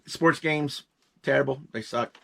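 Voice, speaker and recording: A man in his fifties co-hosting a reselling show, talking quickly in a rambling, joking, casual way. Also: medium pitch, gravelly, a bit bright, a little hiss or hum. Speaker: reseller co-host. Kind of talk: casual chat.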